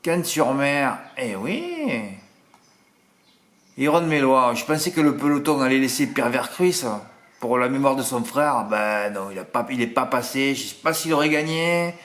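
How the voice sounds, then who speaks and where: A man's voice: medium pitch, lively intonation, moderate pace, a bit bright. Chatty Marseille man in echoey room. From southern France. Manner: chatty, self-mocking, frequent "hein" asides. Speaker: horse racing tipster. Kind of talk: casual monologue.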